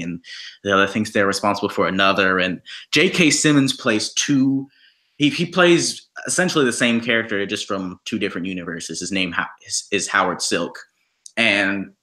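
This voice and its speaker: A man's voice: on the low side, bright, forceful tone. A young man co-hosting a podcast, chatting casually and enthusiastically about his favorite shows. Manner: enthusiastic, playful. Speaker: podcast co-host. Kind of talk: casual chat.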